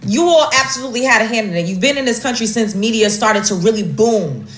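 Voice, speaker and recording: A woman's voice: fairly high pitch, expressive, fast talker, roomy sound. An American woman giving emphatic casual commentary, stacking up complaints with fillers and restarts. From United States. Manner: emphatic, lists grievances, many fillers and restarts. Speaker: social media commentator.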